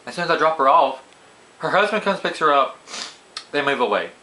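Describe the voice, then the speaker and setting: A young man telling a casual story to camera, voice jumping up high when he quotes himself. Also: sing-song, a little fast, bright, forceful tone, rough recording. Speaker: vlogger. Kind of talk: casual story time while eating.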